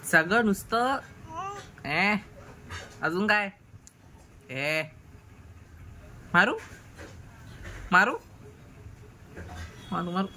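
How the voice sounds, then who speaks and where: A woman's voice: deep voice, bright, forceful tone, slight background noise. A woman home vlogger chatting casually, teasing and cooing at a toddler in playful baby talk.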